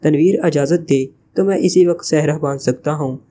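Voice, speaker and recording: A man's voice: fairly high pitch, moderate pace, dark tone, slight background noise, close to an everyday voice. A man reading the part of a sly, joking male spy leader in a teasing, evasive way.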